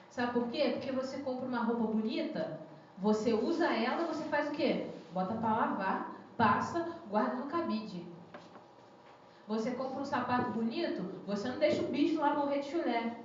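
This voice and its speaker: A woman's voice: high-pitched, normal speed, a little hiss or hum. A young woman preaching a sermon in a church, chatty and full of questions to the congregation. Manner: conversational, asks the congregation questions. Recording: echoey church hall, muffled lo-fi sound.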